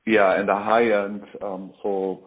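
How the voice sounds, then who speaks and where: Deep-voiced man on a muffled call. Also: flat delivery. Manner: hesitant, halting delivery with pauses. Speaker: industry expert being interviewed. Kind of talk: business phone interview, explanatory. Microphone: phone or online call. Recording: muffled call audio, faint typing noise.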